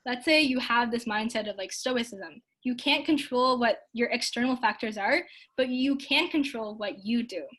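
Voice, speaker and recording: Speaking at a moderate pace with hardly any pauses, a young Canadian woman with a little high, fairly bright voice hosts an informal online talk and fields questions from the audience. Her earnest, upbeat speech is full of likes and ums.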